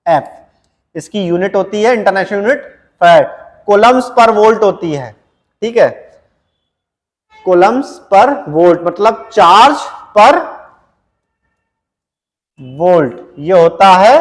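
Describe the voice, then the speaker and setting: A man teaching an exam-prep science lecture, repeating key points and reading English definitions slowly, word by word. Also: high-pitched. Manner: repetitive, drilling, frequent "ठीक है" check-ins. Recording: long echo in a reverberant room.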